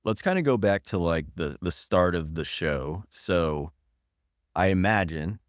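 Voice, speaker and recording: A man with a deep, low voice hosts a casual interview. He asks relaxed, conversational questions. The sound is close and dry, with little room. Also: a little slow, no room sound. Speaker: podcast host.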